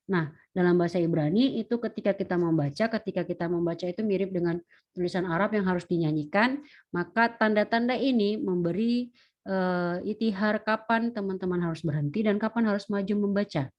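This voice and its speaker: A woman lecturer teaches an online lesson in a patient, step-by-step way, slowing down to sound out each word. Her voice sits in a middle pitch. The audio is dull and lo-fi. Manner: patient, explains step by step, slows to sound out words.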